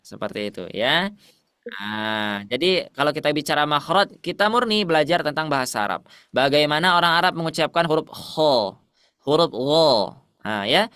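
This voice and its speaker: A man's voice: on the high side, animated, moderate pace, pushed and bright, clean tone, no echo, clean studio sound. A man teaching Quran recitation to a class, asking questions and repeating the answers.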